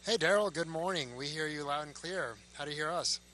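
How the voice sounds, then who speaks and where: A man's voice: a little high, fairly quick, pushed and bright. A man speaking as an astronaut interviewee, answering casually from aboard a space station. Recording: noisy space station link with hum.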